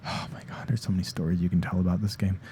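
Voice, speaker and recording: A young man rambling softly in a casual ASMR chat, sleepy and tired-voiced, often dropping into whispers. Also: deep voice, little pitch movement, rapid-fire, slight background noise. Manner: rambling, slips into whispers, self-deprecating. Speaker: ASMR creator. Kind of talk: soft-spoken ASMR ramble.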